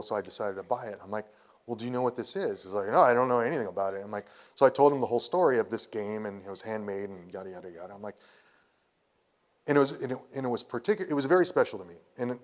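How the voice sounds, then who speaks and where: A man in his fifties giving a conference talk, telling a personal story in a rambling way with restarts, and emotional at times. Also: medium pitch. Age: 50s. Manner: rambling, with restarts and quoted dialogue. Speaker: conference speaker. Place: presentation hall.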